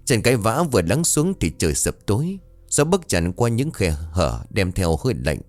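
A man narrating a scripted ghost story in a dramatic, expressive way. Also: lowish voice, normal speed, faint music behind.

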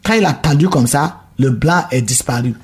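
A man from Burkina Faso telling his conversion testimony in an interview, halting and repeating himself as he acts out the dialogue. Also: medium pitch, a little mellow, breathy edge. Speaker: guest giving a conversion testimony. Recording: radio studio.

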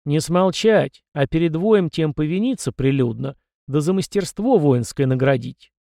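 A man voicing a gruff, barking old-style army commander. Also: a little high, lively intonation, a little fast, darkish tone, no room sound, clean studio sound. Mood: stern. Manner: barking, scornful, raises voice. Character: gruff middle-aged male army commander, stern scolding mentor. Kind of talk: audiobook character voice.

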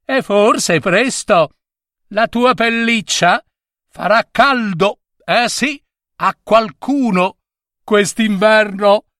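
A man voicing a mocking little male squirrel demon in a storybook tale, with high, cackling, taunting speech. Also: extremely slow, a bit bright, no room sound, studio quality, exaggerated voice. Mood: gloating.

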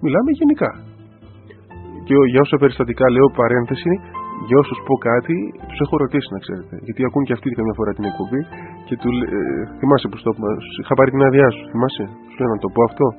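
A man, an Orthodox priest, gives an informal radio sermon and talks directly to the listener in an animated way. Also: medium pitch. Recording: tinny phone-like radio audio with faint music.

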